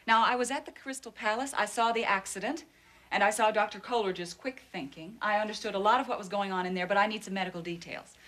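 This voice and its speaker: A woman's voice: medium pitch, fast, fairly bright tone, natural voice. An actress playing a persistent young woman journalist in a daytime soap, cool and insistent. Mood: earnest. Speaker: actor in a TV drama.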